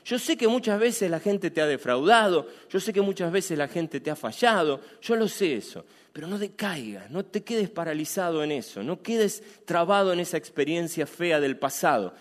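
A man with a Rioplatense Spanish accent preaching a sermon as a pastor, animated and repeating phrases for emphasis. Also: on the high side, normal speed, few pauses, long reverb tail. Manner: animated, acts out quoted dialogue, repeats phrases.

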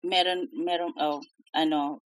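A woman's voice: low voice, steady tone, unhurried, dry recording. A young woman from Leyte hosting a podcast, chatting casually and switching between Tagalog and English with lots of fillers. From Leyte, Philippines. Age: young adult. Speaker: podcast host. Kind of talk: casual chat.

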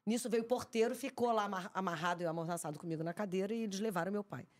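A woman, a podcast guest telling a story in an animated, emphatic way, often repeating herself. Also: medium pitch, racing. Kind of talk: casual chat, storytelling.

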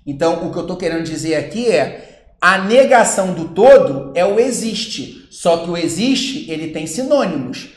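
A man with a Brazilian Portuguese accent teaching logic to exam candidates, lively and acting out students' questions. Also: sits high, reverberant. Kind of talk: logic lesson with on-screen board.

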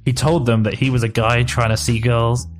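With soft music in the background, a man with a mid-range, level voice reads a silly generated story aloud at a normal pace. He narrates evenly, then slips into laughter and banter with a co-host in this comic story-reading podcast chat.

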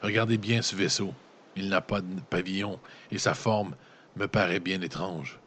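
A man voicing a solemn male ship captain in a gamebook reading, speaking slowly and gravely. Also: deep voice, fairly even intonation, fairly bright tone, a little hiss or hum. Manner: slow, solemn delivery.

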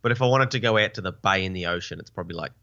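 A man's voice: low voice, rapid-fire, bright, forceful tone, muffled recording. An Australian man, a vlogger, co-hosting a casual chat with a joking, dry humour and easy laughter. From Australia (Tasmania). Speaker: vlogger and co-host.

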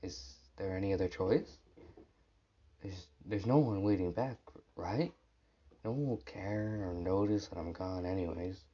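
A man's voice: sits low, unhurried, slightly rough, muffled recording. A man doing a desperate, lost man. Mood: hopeless. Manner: talks to himself, breaks into shouting.

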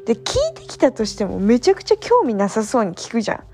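A young woman talks in a loose late-night monologue, slipping into rants and teasing herself. Her voice sits a little high with a gravelly, creaky edge. Soft music plays faintly behind her. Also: wildly swooping pitch, quick pace. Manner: chatty, ranting, self-mocking. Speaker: vlogger.

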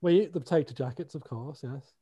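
A man with a British accent chats casually in a dry, matter-of-fact way, often trailing off mid-sentence. His voice is fairly high, mellow and husky, and he talks a little fast.

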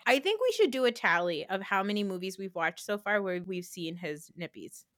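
A chatty woman co-hosting a casual movie-review podcast, teasing her co-hosts and steering the talk back on track. Her voice sits at a middle pitch, and the recording is close and dry with no room sound. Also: expressive, moderate pace, a bit bright, no room sound. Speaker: podcast co-host.

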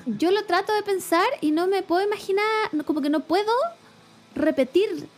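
Young Chilean podcast co-host, high pitch, loose and slangy, faint music bed. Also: female voice, moderate pace. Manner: slangy, laughing, animated. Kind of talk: casual chat.

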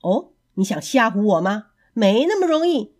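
A woman's voice: medium pitch, big pitch swings, moderate pace, a little mellow. A woman voicing a greedy, boastful male mayor in a storybook, smug and scornful.

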